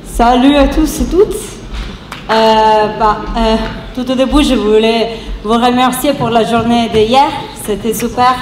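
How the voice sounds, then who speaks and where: A woman from Italy with an Italian accent in French gives an improvised activist speech, hesitating and rephrasing as she searches for words. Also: a little high. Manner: halting non-native French with hesitations and rephrasing. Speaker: activist speaker at a round table. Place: round-table event, speaking to an audience. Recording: roomy echo with faint background noise.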